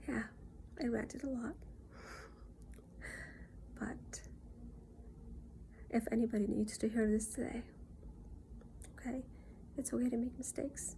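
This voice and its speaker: A woman from Nepal, talking in an earnest, reassuring monologue that often drops into soft near-whispers. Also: fairly high pitch, steady tone, slow pace, creaky, pauses often, slight background noise. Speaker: self-reflection vlogger. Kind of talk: casual reflective monologue.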